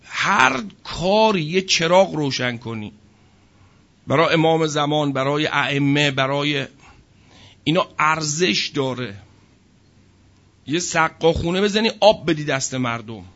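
Male preacher, high voice, forceful rhetorical questions, dull lo-fi recording. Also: lively intonation, long pauses. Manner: emphatic, full of rhetorical questions. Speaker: religious speaker. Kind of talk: sermon to an audience.

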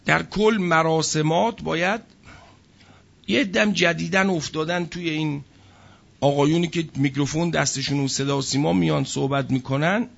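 Male preacher, high voice, forceful rhetorical questions, dull lo-fi recording. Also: creaky. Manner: emphatic, full of rhetorical questions. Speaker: religious speaker. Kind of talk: sermon to an audience.

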